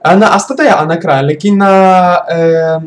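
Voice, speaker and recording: A man's voice: high voice, fairly even intonation, fairly quick. Hesitant man speaking learner's Arabic. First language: not Arabic. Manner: hesitant, many fillers and restarts, searching for words. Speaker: language learner vlogger. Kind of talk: halting casual talk in a learner's Arabic.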